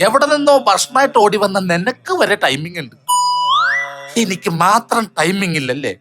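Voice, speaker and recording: A man's voice: sits high, sing-song, normal speed, loud music behind the voice. A man playing a hot-tempered, jealous husband in a comedy skit, ranting sarcastically. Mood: angry. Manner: scolding, sarcastic rants.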